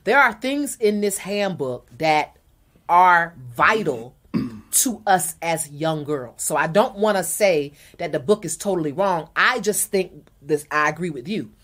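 A woman co-hosting a podcast who lays out her view in a measured, step-by-step way in casual chat. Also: fairly low pitch, expressive, fairly bright tone. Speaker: podcast co-host.

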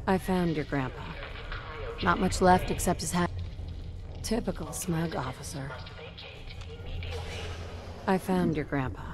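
A woman's voice: fairly low pitch, a little slow, long pauses, music in the background, lightly acted. A woman voicing a blunt wasteland game companion. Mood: wry. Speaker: video game character. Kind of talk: game character dialogue.

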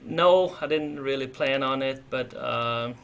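A man in his thirties from Sweden, speaking English with a Swedish accent as a soccer coach, relaxed and often repeating words while he thinks, on a video call from an office. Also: medium pitch, measured pace, creaky, a little hiss or hum. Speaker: head soccer coach, guest. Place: office with window. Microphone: webcam on video call.

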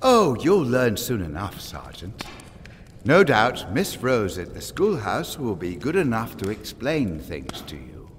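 An actor playing a smug old pagan island lord in an audio drama, pompous, taunting and silkily eloquent. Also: male voice, fairly low pitch, huge pitch swings, measured pace, in a large hall, slight background noise. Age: older.

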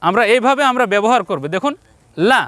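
Male Quran reading teacher, high, lively voice, speaks straight to viewers, encouraging and repetitive. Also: no echo. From Bangladesh. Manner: repeats points slowly, drawing out syllables for viewers; addresses viewers directly, encouraging. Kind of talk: televised Quran reading lesson.

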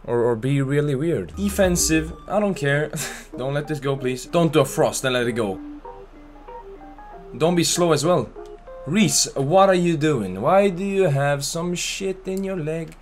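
A man casually commentating his football career-mode game, trash-talking his players and shouting at goals. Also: a little high, expressive, measured pace, faint music behind. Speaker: gaming channel host. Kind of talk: casual profane gameplay commentary.

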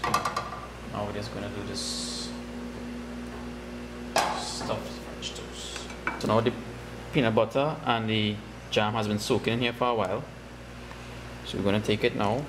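A man in his thirties with a Trinidadian accent, calmly explaining a recipe step by step in his home kitchen. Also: lowish voice, heavy background noise. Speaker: home cook. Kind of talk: cooking demonstration. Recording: echoey kitchen with loud sizzling. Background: frying sizzle.

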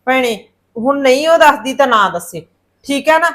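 A woman's voice: high voice, expressive, normal speed, a bit bright. An actress playing a worried middle-aged mother who insists her son settle his marriage, in a short film drama.

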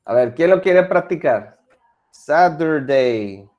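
Lively bilingual teacher. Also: male voice, on the high side, a little slow, muffled recording. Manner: lively, mixes Spanish and English, coaxing students. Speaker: English teacher. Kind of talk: online class for children.

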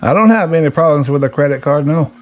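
A man's voice: fairly high pitch, expressive, fast talker. A man chatting casually on phone calls, teasing the callers in a folksy way. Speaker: prankster taking telemarketer calls. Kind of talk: casual joking phone chat. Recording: faint background noise.

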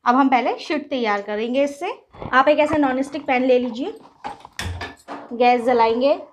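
A woman with a high-sitting voice hosts a cooking channel from her home kitchen with a gas stove, speaking at a moderate pace over slight background noise. She patiently walks viewers through each step of a recipe. Instructive in tone, she addresses them like friends.

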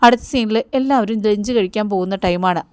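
A woman's voice: mid-range voice, fast talker, a little mellow, clean tone, no room sound. A woman casually retelling a television serial, chatting directly to her listeners. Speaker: serial recap narrator. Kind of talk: casual storytelling recap.

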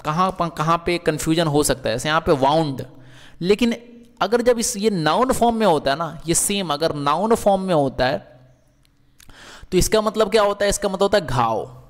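Man, teacher, slightly high voice, long reverb, repeats questions to students. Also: animated, moderate pace. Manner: repeats questions and answers them, many filler checks. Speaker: English grammar teacher. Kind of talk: Hindi lecture on English verbs.

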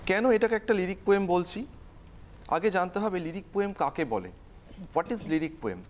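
A woman's voice: on the low side, animated, normal speed, darkish tone, a little hiss or hum. Methodical female teacher on TV. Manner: explains step by step, repeats key terms, mixes in English. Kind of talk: televised exam-prep lesson.

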